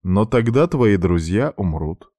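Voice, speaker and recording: Man doing cold strict headmistress, slow lecturing tone, dark dry voice. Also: on the low side, sing-song, no echo, pitched above the performer's own voice. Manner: cold, measured, mentoring tone. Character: cold, stern middle-aged woman school director.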